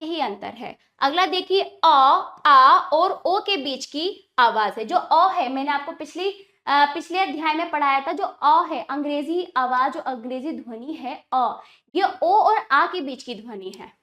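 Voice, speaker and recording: A woman teaches children in a very high voice. She goes slowly and carefully, repeating each sound so they can follow. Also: animated, sharp tone. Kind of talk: children's grammar lesson.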